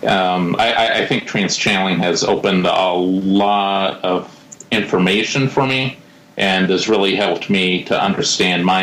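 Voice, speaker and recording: A man's voice: low voice, fairly bright tone, slight background noise. A man speaking as a radio show guest, telling his own story casually. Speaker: guest, paranormal investigator. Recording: roomy echo on the voice.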